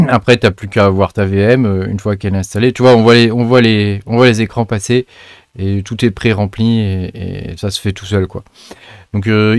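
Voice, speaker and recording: A man's voice: fairly low pitch, dry recording, clean studio sound. A man hosting a casual screen-recorded tech tutorial, loose and chatty, with lots of fillers and slangy asides.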